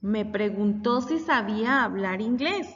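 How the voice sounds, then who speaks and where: A woman's voice: medium pitch, lively intonation, a little slow, a bit bright, distant mic. A woman teacher, patiently explaining a lesson for children. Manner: patient, explanatory, reading example sentences aloud. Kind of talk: recorded classroom lesson for children. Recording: dull audio with long reverb.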